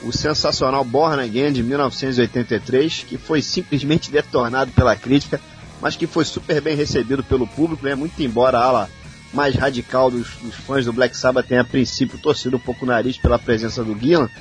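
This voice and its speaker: A man with a Brazilian accent co-hosting a radio show, telling band history in a relaxed way and often adding "né?". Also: medium pitch, brisk, soft background music. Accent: Brazilian Portuguese. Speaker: radio co-host. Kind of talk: casual radio chat about rock history.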